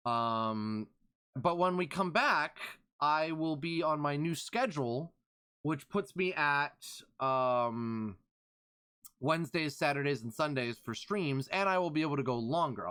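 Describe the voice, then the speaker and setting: A man's voice: mid-range voice, a bit bright, smooth. A man streaming live, chatting casually and reading out thanks to followers.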